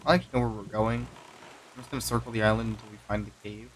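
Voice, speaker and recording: A man's voice: lowish voice, little pitch movement, racing, slight background noise. Laid-back man tossing out dry quips. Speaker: co-streamer. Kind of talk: casual co-op stream chat.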